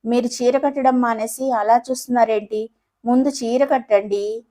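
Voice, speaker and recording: A woman's voice: a little high, fairly even intonation, moderate pace, dark tone, lightly acted. A woman voicing a shy young wife in a romantic audio story, pleading in mock annoyance. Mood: coy pleading.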